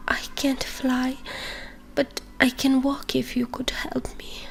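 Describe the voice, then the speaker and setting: A woman voicing a weak, injured female dove in a muffled, whispered role-play voice, higher than her narration. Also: flat delivery, slow, vocal fry, fairly bright tone, heavily acted. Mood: weak, pained.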